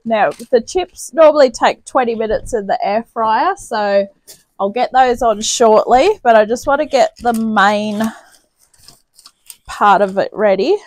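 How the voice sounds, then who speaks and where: There's no room sound around this woman's mid-range voice. She's a New Zealand home cooking channel host who chats casually and homely in her kitchen, talking herself through the steps as a camera mic off to the side records her.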